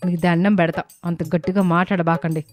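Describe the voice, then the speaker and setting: A woman's voice: lowish voice, fairly even intonation, fairly quick, darkish tone, soft background music, natural voice. A woman voicing a greedy, scheming mother-in-law who plots a theft and wheedles her husband. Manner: plotting, wheedling and defensive. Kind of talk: storybook drama acting.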